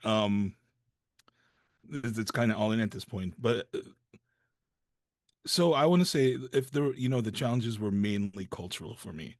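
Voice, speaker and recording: Male voice actor guest, measured and searching, low voice, dry sound. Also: lively intonation, no echo. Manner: thoughtful, hesitant, many fillers. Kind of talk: casual interview answer.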